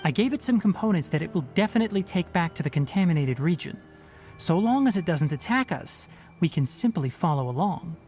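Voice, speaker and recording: A man voicing a calm, stern young male forest ranger in a game, speaking in a measured, matter-of-fact, slightly dry way. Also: high-pitched. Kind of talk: game dialogue voice acting. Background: soft game music.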